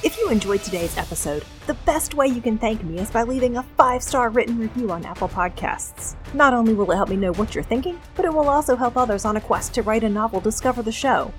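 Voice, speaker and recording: A woman's voice: on the high side, expressive, fast, few pauses. A woman podcast host speaking a scripted closing message straight to her listeners. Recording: faint background music.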